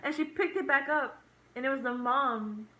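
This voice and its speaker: Co-host woman in her 20s, excitable and slangy, bright edgy tone, echoey room. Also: high voice, moderate pace. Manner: excitable, chiming in with slangy asides. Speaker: co-host, movie reviewer. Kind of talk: casual chat, retelling a film.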